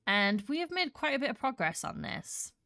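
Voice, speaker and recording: A woman streams Minecraft, giving casual live commentary while building, rambling with lots of restarts, her nose congested and a slight cough in her voice. Her voice sits high with big pitch swings, pushed and bright, at a moderate pace, in a dry, clean studio recording.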